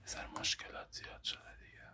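In a small, dimly lit room, a young adult ASMR creator takes on the role of a barber, addressing the listener as a client in a soft, polite whisper. He speaks with a Persian accent in this close-up roleplay.

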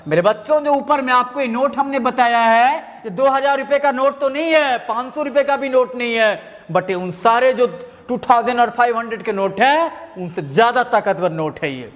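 A man's voice: very high voice, fairly bright tone, big-room sound. A male teacher with an Indian accent giving a grammar lecture, repeating points and speaking fondly to his students. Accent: Indian English. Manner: repetitive, addresses students fondly, drawn-out English phrases. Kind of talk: classroom lecture.

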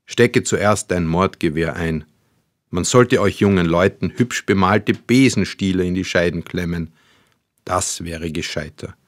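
A man's voice: low-pitched, a little slow, dry recording. A man voicing a grumpy, weary old father who speaks sternly and dryly. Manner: stern, dry, sighing.

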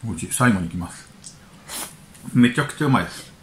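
A man's voice: on the low side, animated, fast talker, fairly bright tone, slight background noise. A man hosting a casual vlog from home, chatting loosely while eating and reading news items aloud with his own remarks. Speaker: channel host.

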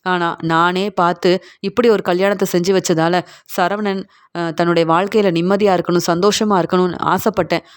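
A woman's voice: fairly low pitch, steady tone, normal speed, lightly acted. A woman reading the lines of an older father pleading on his son's behalf, in a retelling of a TV serial scene. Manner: pleading, aggrieved.

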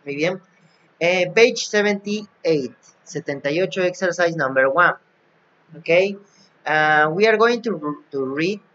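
Slow-talking male English teacher, dull sound. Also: fairly high pitch, a bit bright. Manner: repeats and translates each English phrase. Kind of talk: recorded class for young pupils. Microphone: recording app, device not seen. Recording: dull lo-fi app recording.

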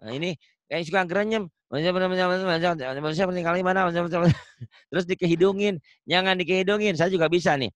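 A man with a Sundanese accent teaching a Quran reading lesson over a video call, patiently modeling syllables slowly for the student to repeat, with light teasing. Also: high voice, fairly bright tone, dry recording. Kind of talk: online one-on-one reading lesson.

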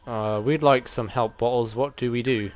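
A man's voice: medium pitch, fairly even intonation, normal speed, soft background music, lightly acted. A man reading aloud the lines of a good-natured bear hero who asks plain, earnest questions.

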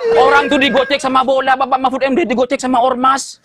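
A man's voice: very high-pitched, little pitch movement, quick pace, heavy background noise. A man from Madura doing a stand-up comedy set, bantering with the crowd and repeating his punchlines.

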